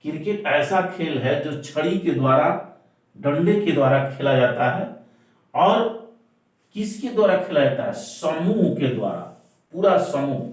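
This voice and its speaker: Male teacher, fairly high voice, repetitive question-and-answer delivery, very echoey room, distant mic. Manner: stresses words by repeating them slowly. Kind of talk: classroom-style explanation.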